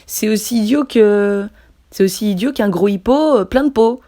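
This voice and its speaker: A woman's voice: medium pitch, moderate pace, warm tone, natural voice. A sly, teasing voice of a talking watermelon, actually a mischievous little caterpillar hidden inside, put on by a woman reading a storybook aloud. It mocks the other animals with playful cheek. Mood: mocking. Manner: teasing, mocking.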